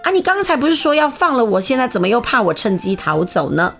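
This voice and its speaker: A woman's voice: on the high side, very animated, fast talker, vocal fry, fairly bright tone, faint music behind, pitched above the performer's own voice, exaggerated voice. A woman voicing a thousand-year-old female fox spirit disguised as a maid, pleading and plaintive. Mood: sorrowful.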